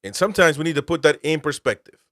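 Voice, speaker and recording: A man's voice: a little high, expressive, fast talker, a bit bright, dry recording, clean studio sound. A man from Peru, host and military veteran, giving political commentary with emphatic, incredulous rhetorical questions.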